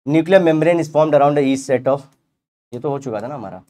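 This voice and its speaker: A man gives a biology revision lecture in Hindi mixed with English terms, slowly reading textbook lines aloud. His voice is on the high side with a dark tone, and he uses playful analogies and asks the class rhetorical questions.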